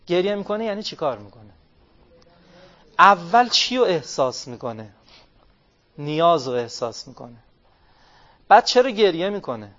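A man giving an interactive religious talk, asking his listeners questions, answering them himself and drawing out key phrases slowly. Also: mid-range voice. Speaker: religious speaker. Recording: dull lo-fi recording.

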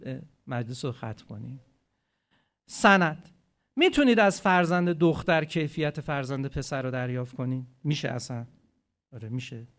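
A man giving a religious talk to a gathering, animated, swinging between loud emphatic phrases and quiet asides, and asking his listeners rhetorical questions. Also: on the high side. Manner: asks the audience rhetorical questions. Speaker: preacher.

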